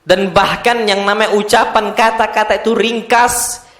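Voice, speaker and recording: Male preacher, high voice, animated mosque sermon full of rhetorical questions, echoey hall. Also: normal speed. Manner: lively preaching with rhetorical questions to the women present. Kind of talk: lecture in a mosque.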